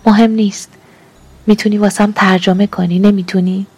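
A woman's voice: mid-range voice, flat delivery, darkish tone, slightly rough, lightly acted. A woman reading as a hungry, demanding young lover. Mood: coaxing. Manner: pleading then accusing, emotional.

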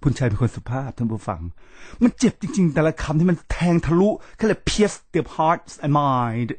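An earnest, emphatic man who talks straight to his listeners in a reflective monologue. His voice sits a little high for a man, and the sound is dry and close, with no room around it. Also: lively intonation, normal speed, a little mellow, no room sound. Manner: earnest, emphatic storyteller who often addresses the listeners directly. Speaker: podcast host.

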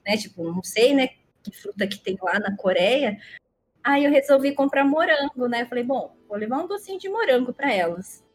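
A woman's voice: on the high side, lively intonation, moderate pace. A young woman from Brazil with a Brazilian Portuguese accent, telling stories casually in a rambling, playful, giggly way. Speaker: livestream guest storyteller. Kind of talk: casual storytelling chat.

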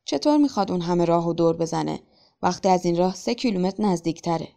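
A woman reading a story aloud, voicing a stubborn male peasant cart driver who grumbles and yells at his horse. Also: sits high, animated, vocal fry. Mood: grumbling. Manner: blunt, grumbling, shouts at the horse.

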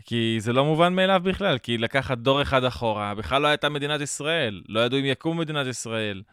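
Clear-voiced man with an Israeli accent. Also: medium pitch, expressive, fairly bright tone, no room sound, clean studio sound. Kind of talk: casual conversation.

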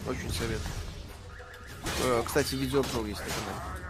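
A man's voice: medium pitch, moderate pace. A man hosting a live gaming stream, reading viewer questions aloud and answering in a dry, offhand way. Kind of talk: casual live stream chat. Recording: stream with background music. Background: music playing.

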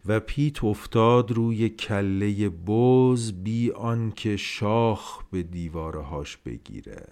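Expressive low-voiced male storyteller. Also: smooth. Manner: expressive, dramatic pacing. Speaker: podcast storyteller. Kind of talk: literary story reading.

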